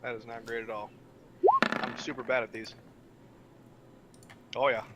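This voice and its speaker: A man playing in a tabletop game, chatting quickly with self-deprecating banter. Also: medium pitch, flat delivery, heavy background noise. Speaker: player. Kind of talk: casual tabletop play.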